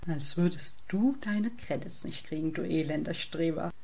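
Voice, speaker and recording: A woman reading the part of a cheerful young male student in love, playful and at times hushed, in a German storybook reading. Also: deep voice, normal speed, creaky.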